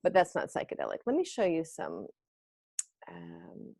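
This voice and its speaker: A woman's voice: very deep voice, huge pitch swings, a little slow, creaky, darkish tone. A woman in her fifties hosting a casual video call about fashion, chatty and rambling, often trailing off mid-sentence. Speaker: host.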